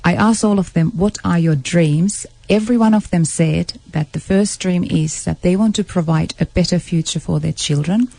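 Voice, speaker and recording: A woman's voice: on the low side, moderate pace, vocal fry, hardly any pauses, dark tone, dry recording. A woman from Finland, a guest on a radio interview, explaining her project earnestly and at length. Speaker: guest, social entrepreneur. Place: radio studio.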